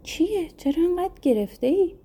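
A woman's voice: very high-pitched, lively intonation, warm tone, pitched above the performer's own voice. A woman voicing the fisherman's magical wife from the sea, soothing him and reciting a chant. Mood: reassuring. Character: calm magical sea-maiden wife, reassuring.

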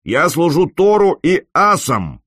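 A man voicing a gruff, defiant male viking warrior who shouts scornfully. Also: fairly high pitch, sing-song, slow pace, dry recording, studio quality, voice pushed up, exaggerated voice.

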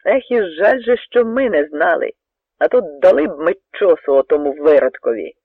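A bold, defiant Cossack warrior, voiced by a man in a radio story, shouting his challenge so the whole troop can hear. The voice is husky with some gravel, and the sound is thin and phone-like, close and dry. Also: on the high side, expressive, moderate pace, no room sound, exaggerated voice. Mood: rousing. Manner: loud, rousing, threatening shouts. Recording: narrow tinny radio recording, dry.

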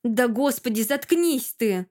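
Woman voicing a shrill, spiteful young rival. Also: animated, moderate pace. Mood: sneering. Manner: shrill, sneering.

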